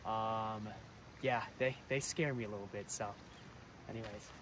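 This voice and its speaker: A young man hosting a casual fishing and camping vlog, talking excitedly to viewers from a riverbank and a truck camper, recorded on an action camera. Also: on the low side, unhurried, background noise. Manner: excitable, chatty, addresses viewers as guys. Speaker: fishing vlogger. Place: riverbank outdoors, then inside a truck camper.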